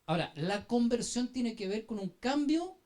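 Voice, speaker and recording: A man's voice: animated, normal speed. A man preaching a sermon as an apostle, telling a story dramatically and urging the congregation to answer and turn to one another. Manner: dramatic storytelling, swinging from hushed low phrases to loud emphatic bursts; addresses the congregation directly with call-and-response prompts.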